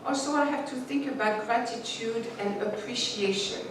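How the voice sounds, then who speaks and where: Here a spiritual teacher, a woman for whom English is a second language, offers a reflective sermon that includes read passages and a few restarts. Her voice leans high and she talks at normal speed; the echoey room recording is distant, with faint noise.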